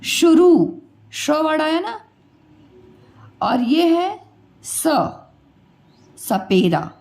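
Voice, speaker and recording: Patient woman teacher with a high voice who drills sounds one by one at an unhurried pace. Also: animated, creaky, a little mellow. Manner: patient, repeats each sound and quizzes the listener. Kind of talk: classroom lesson on pronunciation.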